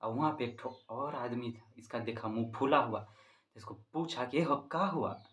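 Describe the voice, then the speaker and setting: Speaking at a moderate pace in a mid-range voice, a Bihari-accented man teaches a class and shares a joke with them. He's playful and casual, talks right to the students, and can't stop laughing.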